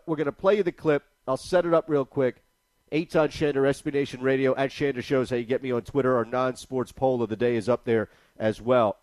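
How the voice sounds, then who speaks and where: A man's voice: fairly high pitch, darkish tone, no echo. A male sports radio host giving emphatic, indignant commentary at a studio mic.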